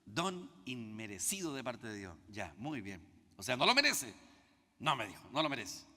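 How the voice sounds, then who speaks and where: A man's voice: mid-range voice, normal speed, in a large hall. A Chilean man preaching as a pastor, teaching through a story and acting out both sides of the dialogue. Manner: animated, acts out dialogue in quoted voices. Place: church.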